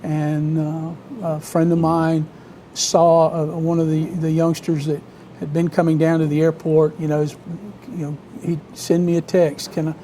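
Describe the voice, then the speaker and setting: A man with a Southern US accent from Alabama, telling stories conversationally as an interview guest, in a halting, measured way with frequent pauses. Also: on the high side, monotone, mellow, slight background noise. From Alabama, United States. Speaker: interview guest, vintage biplane owner and pilot.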